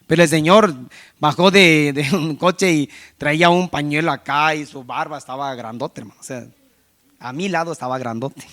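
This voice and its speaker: A man preaching a sermon testimony tells a street-evangelism story, acting out the voices of people he met and restarting frequently. His voice is on the high side, bright and forceful.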